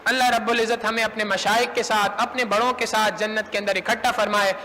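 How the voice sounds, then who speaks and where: Male mosque preacher with a Pakistani Urdu accent, very high and bright voice, impassioned storytelling, long hall reverb. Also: flat delivery, slight background noise. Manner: impassioned, quotes figures in dialogue. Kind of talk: sermon storytelling.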